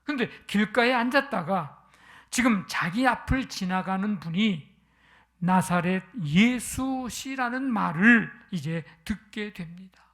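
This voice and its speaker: A pastor preaching a Sunday sermon in a gravelly, creaky voice. The pitch sits in a middle range. The delivery moves through a scripture story and stops often for questions to the congregation. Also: lively intonation, slow, fairly bright tone.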